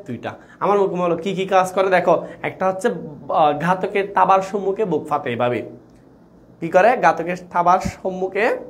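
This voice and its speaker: Young male tutor, Bangladeshi Bengali accent, lively and questioning, a bit high-voiced. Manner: lively, quizzing students with rhetorical questions. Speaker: teacher. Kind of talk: online exam-prep lecture.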